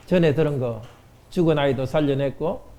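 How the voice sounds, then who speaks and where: A man's voice: a little high, normal speed, dark tone. A man pastor giving a children's sermon in church, asking the children questions and answering them. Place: church sanctuary.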